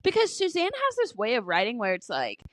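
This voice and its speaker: A young woman co-hosting a casual podcast chat, gushing and expressive, swearing freely. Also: a little high, a little fast, dry recording. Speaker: podcast co-host.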